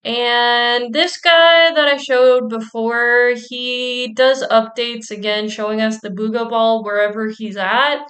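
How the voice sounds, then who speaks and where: A woman's voice: a little high, fairly even intonation, slow, hardly any pauses, a bit bright. A woman hosting a channel, giving breezy, conspiratorial commentary on clips, with fillers and trailing phrases. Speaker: host. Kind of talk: casual commentary on viewer clips.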